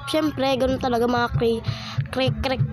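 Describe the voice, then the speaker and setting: A woman's voice: high voice, steady tone, unhurried, over music. Playful young woman with a stuffy nose. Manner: playful, teasing, frequent laughing asides. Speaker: content creator. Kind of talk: casual vlog chat.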